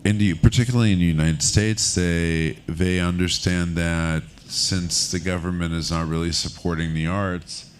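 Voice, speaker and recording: A man from France speaking as a guest on a festival stage, candid and relaxed, talking in loose rambling bursts. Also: deep voice, moderate pace, hardly any pauses, slight background noise. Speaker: film finance executive, keynote guest. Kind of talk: onstage conversation. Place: stage at a film festival market.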